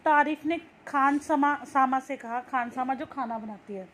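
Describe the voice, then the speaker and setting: A young woman teacher with a high, unhurried, slightly bright voice reads a textbook story aloud. After each line, she restates it in simple words.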